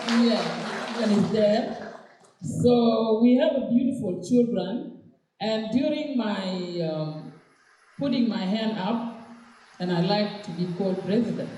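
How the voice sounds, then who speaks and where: A woman from South Sudan giving a campaign speech as a candidate, halting with many fillers and restarts. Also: a little high, dark tone, reverberant, slight background noise, rough recording. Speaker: presidential candidate.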